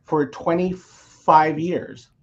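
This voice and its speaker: A coach from Mexico who grew up in Texas talks animatedly as a guest in a casual podcast interview, constantly tacking on "right?" to check in. His voice is a little high and extremely slow, and the sound is lo-fi.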